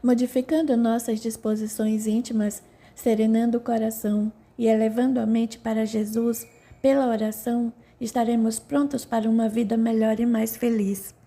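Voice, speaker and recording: A serene male spirit mentor preaching gently to a crowd, read by a woman narrating an audiobook. The tone is very dark and mellow, pitched a little high, with a calm, measured sermon cadence.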